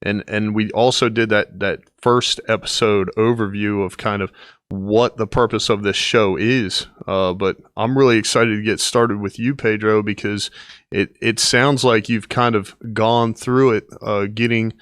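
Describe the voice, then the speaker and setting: A man's voice: lowish voice, fairly even intonation, unhurried, a bit bright, clear, resonant tone, no echo, studio quality. A man hosting a podcast in a casual, upbeat way, with many fillers and restarts. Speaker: podcast host.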